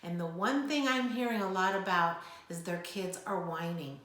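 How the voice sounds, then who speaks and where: A woman's voice: on the low side, moderate pace, a bit bright. An older woman who owns a preschool, giving earnest, reassuring parenting advice and sometimes acting out a child's whine. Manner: earnest, reassuring, acts out whiny child voices. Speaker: preschool owner. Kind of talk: parenting advice talk to camera. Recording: echoey room.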